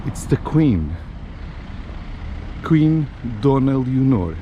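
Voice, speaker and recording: A man's voice: mid-range voice, very animated, dark tone, muffled recording. Guy filming a walking tour outside, lots of uhs and ums, street noise going on behind him. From Portugal. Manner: unhurried, many fillers and restarts. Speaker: travel vlogger. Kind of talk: casual walking tour vlog. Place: outdoors on city streets.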